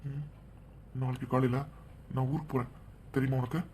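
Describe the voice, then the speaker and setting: A man voicing a young man in a cartoon, gently teasing and persistent. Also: mid-range voice, little pitch movement, a little fast, close to an everyday voice. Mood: earnest. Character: young man leaving for abroad, tender and teasing. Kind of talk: cartoon voice acting.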